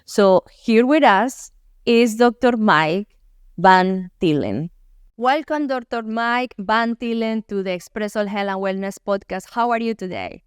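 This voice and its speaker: Woman, podcast host, foreign accent, crisp clear voice, dry sound, emphatic slow phrasing. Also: medium pitch, dry recording. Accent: non-native English. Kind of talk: podcast interview.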